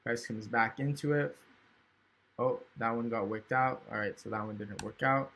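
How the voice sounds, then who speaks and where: Hiccuping through a screen-recorded chart walkthrough, a male trading educator thinks out loud and frequently adds "right?". His medium-pitched voice is gravelly yet fairly bright, with fairly even intonation and a normal speed.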